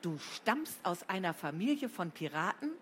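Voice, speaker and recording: A woman reading a storybook, voicing a calm, sensible schoolgirl who speaks in a slow, measured way. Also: lowish voice, a little hiss or hum.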